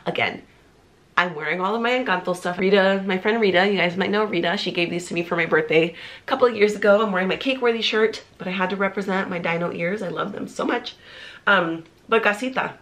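Sitting in front of a pink wall in a small room, a woman in her thirties talks fast in a casual vlog. Her medium-pitched voice is a bit bright but nasal and stuffy from a cold, and her bubbly chatter is packed with "like" fillers.

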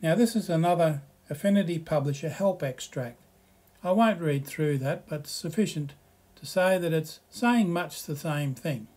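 Male tutorial narrator, slightly higher voice, relaxed explanatory delivery over slides. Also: normal speed. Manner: relaxed, explanatory, reads slides aloud with asides. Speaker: software tutorial presenter.

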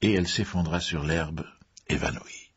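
A man narrating a mystery story in a measured way, with the odd filler. His voice is low and husky. The recording is dull and muffled. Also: fairly even intonation. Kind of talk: audiobook reading.

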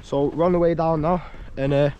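A man's voice: a little high, fairly even intonation, a little fast, mellow, muffled recording, slight background noise. A man with a Northern English accent, chatting casually as he hosts an outdoor hiking vlog. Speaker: vlog host. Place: outdoors on hills and woodland trails.

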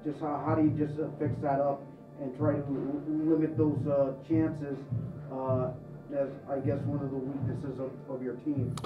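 A man asks a coach questions at a press conference, his delivery flat and halting with many fillers. He sounds far from the mic, the audio dull and roomy with loud music behind. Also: medium pitch. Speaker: reporter. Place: press room.

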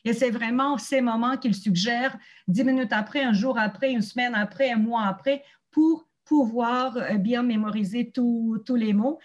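Higher-voiced woman hosting a teachers' meeting. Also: a little slow, highs cut off. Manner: explanatory, searching for words. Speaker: host of a teachers' community meeting. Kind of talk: online meeting presentation.

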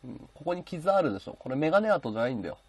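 A man's voice: fairly high pitch, very animated, racing, darkish tone, husky, no echo. A man hosting a casual livestream from his bedroom, chatting and thanking his viewers as he reads their comments. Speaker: livestream host. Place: bedroom at home.

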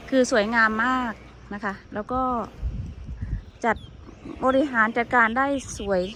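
A woman with a fairly high voice talks through a casual outdoor walking tour. She speaks straight to her viewers, chatty and a little apologetic. She records on a handheld phone, with faint outdoor noise and animal sounds behind her. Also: fairly even intonation, measured pace, a bit bright. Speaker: vlogger. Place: outdoors at a dam on a hot sunny day.

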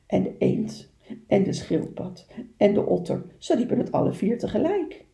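A woman's voice: medium pitch, very animated, moderate pace, vocal fry, mellow, echoey room. A woman teacher reading a picture book aloud to young children, with chatty asides to her listeners.

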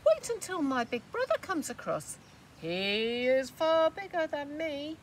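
A woman voicing a middle-sized male billy goat in a raised, bright voice. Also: sits high, big pitch swings, unhurried, pitched above the performer's own voice. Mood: brave. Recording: far mic with outdoor traffic noise.

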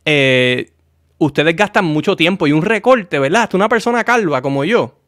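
A man's voice: fairly high pitch, lively intonation, normal speed, a bit bright, dry recording, studio quality. A man in his thirties with a Puerto Rican accent, hosting a live stream interview in a casual, chatty way, jumping in with his own stories. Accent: Puerto Rican Spanish. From Puerto Rico. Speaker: host. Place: small home studio. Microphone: studio mic with headphones.

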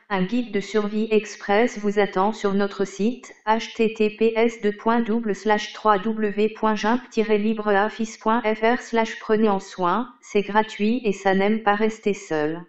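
A synthetic female voice from an older desktop speech synthesizer, reading written text in mechanical, even phrasing. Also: medium pitch, unhurried, few pauses, echoey room, highs cut off. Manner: mechanical, evenly read phrasing.

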